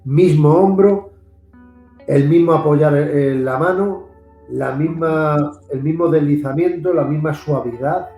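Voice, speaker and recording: A man's voice: on the high side, a little slow, mellow. A man with a Spanish accent from Spain, a paranormal investigator telling a firsthand story in an interview. He talks earnestly, repeating himself for emphasis. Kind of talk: animated storytelling in a video interview. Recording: echoey room, faint guitar music behind.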